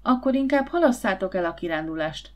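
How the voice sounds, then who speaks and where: A woman's voice: mid-range voice, expressive, natural voice. A woman voicing an anxious, caring mother. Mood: worried. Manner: anxious, gently scolding. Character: worried, caring mother of a boy.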